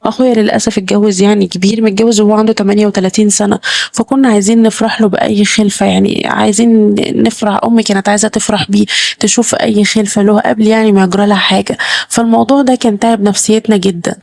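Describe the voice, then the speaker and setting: A woman's voice: mid-range voice, flat delivery, very fast, vocal fry, a little mellow. A woman with an Egyptian Arabic accent, telling her own story in a plain conversational way with fillers. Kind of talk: first-person story narration.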